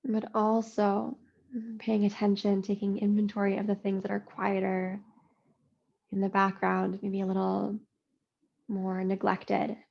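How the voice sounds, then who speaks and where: Woman yoga instructor, gravelly and mellow, slow and soothing, steady, even delivery. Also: mid-range voice, dull audio. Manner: slow, soothing, drawn-out phrasing with long pauses. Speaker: yoga teacher. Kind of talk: slow guided yoga meditation.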